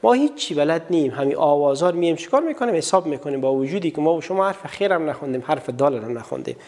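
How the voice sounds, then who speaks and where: This Afghan Dari-accented man teaches a televised literacy class in a voice on the high side, dark in tone, with big pitch swings and a long reverb tail. He addresses students directly, answers the questions he puts to them, and elongates vowels in drill after drill.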